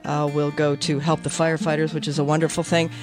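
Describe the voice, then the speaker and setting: A woman hosting a casual radio chat, hoarse from a cold and laughing easily. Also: sits low, little pitch movement, quick pace. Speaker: radio host. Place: radio studio. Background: live acoustic guitar.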